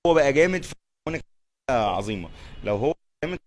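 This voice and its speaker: Speaking briskly and very animatedly in a medium-pitched voice, a tech vlogger with an Egyptian accent chats his way through a gear review. He repeats himself and talks to those filming him, with slight background noise audible.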